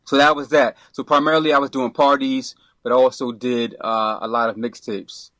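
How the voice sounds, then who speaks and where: A middle-aged man from Brooklyn, a podcast guest who talks in a relaxed, rambling way, full of restarts and you-knows. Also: mid-range voice, moderate pace, dry recording. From Brooklyn, New York. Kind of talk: casual interview.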